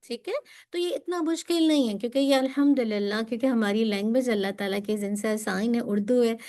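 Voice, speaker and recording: A woman teaching Quran recitation, who patiently drills sounds slowly and clearly and switches between Urdu and English to explain them. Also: a little high, mellow. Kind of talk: pronunciation lesson for students.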